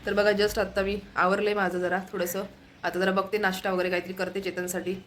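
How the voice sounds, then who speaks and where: A woman's voice: mid-range voice, level tone, fairly quick, fairly bright tone, slight background noise. A woman chatting casually through a family home vlog, keeping her viewers pointed at what she is doing. She films with a handheld phone camera while moving around the house. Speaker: family vlogger. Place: home, indoors.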